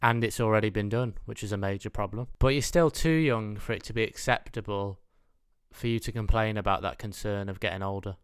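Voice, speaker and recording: A British comedian in his mid twenties, host of his own show, delivers a rambling comic monologue in a dry, mock-earnest style. His voice is fairly low and smooth, he speaks briskly, and the recording is dry and studio-clean.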